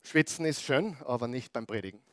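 A man preaching a sermon, throwing rhetorical questions at the congregation and swinging between loud emphatic bursts and quiet asides. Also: mid-range voice, lively intonation, brisk, dry recording, clean studio sound. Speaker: pastor.

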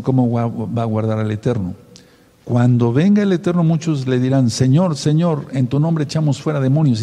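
A man's voice: mid-range voice, warm tone, slightly rough, in a large hall. A man preaching a sermon to his congregation, stressing key words and spelling some out letter by letter.

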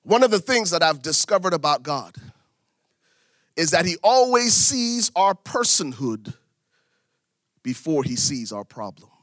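A man from Liberia, middle-aged, preaching a sermon, repeating key phrases for emphasis with big swings in pitch and loudness. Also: very animated, unhurried, long pauses, no echo. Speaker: pastor.

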